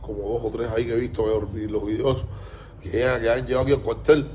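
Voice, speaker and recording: A man's voice: medium pitch, flat delivery, a little fast, darkish tone, slight background noise. A man with a Cuban Spanish accent, ranting in a heated, repetitive way, stumbling over his words and swearing often. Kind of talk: casual ranting monologue.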